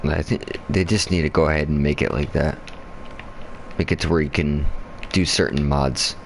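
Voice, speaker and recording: A man's voice: a bass voice, steady tone, creaky, a little hiss or hum. A tired man chatting casually over his gameplay after a night shift, rambling, swearing a lot and stumbling over his words. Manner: rambling and profane, with frequent pauses and restarts. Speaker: gamer streaming his own play.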